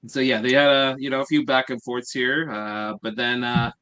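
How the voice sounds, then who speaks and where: A man hosting a casual podcast, talking in an unpolished, rambling way. His voice is mid-pitched and ordinary. He fills pauses with lots of "uh"s as he recaps. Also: level tone, bright, forceful tone, smooth. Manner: rambling, filler-heavy, many "uh"s. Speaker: podcast host.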